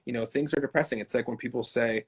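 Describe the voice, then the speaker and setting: A man hosting an interview, talking in an animated way with many fillers. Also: mid-range voice, fast talker, slightly rough. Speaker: host. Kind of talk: conversational interview.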